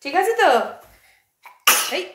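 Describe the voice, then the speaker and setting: A woman's voice: slow, very noisy. A young woman with a Bengali accent narrating her family day in a casual home vlog, talking straight to viewers on a handheld phone camera. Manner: chatty, addresses viewers directly, talks softly at times. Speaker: vlogger.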